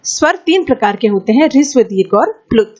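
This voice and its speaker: Woman, high voice, Sanskrit teacher, exam-prep lesson, asks and answers her own questions, slightly dull audio. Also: sing-song, darkish tone. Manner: draws out vowel sounds slowly.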